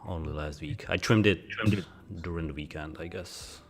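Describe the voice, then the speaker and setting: A man's voice: a bass voice, moderate pace. A young man from the Czech Republic chatting in a laid-back, easygoing way as a stream guest. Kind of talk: casual chat.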